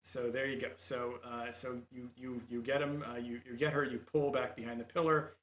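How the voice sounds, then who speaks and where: Male game master, mid-pitched, halting delivery with restarts, echoey room. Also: level tone, fairly bright tone. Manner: halting, full of fillers and restarts. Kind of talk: running a tabletop game over voice chat.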